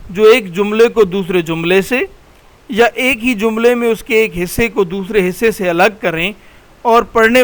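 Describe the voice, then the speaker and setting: High-voiced male teacher with Pakistani Urdu accent. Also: fairly bright tone, smooth. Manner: patient, explanatory, repeats key terms. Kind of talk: recorded slide lecture.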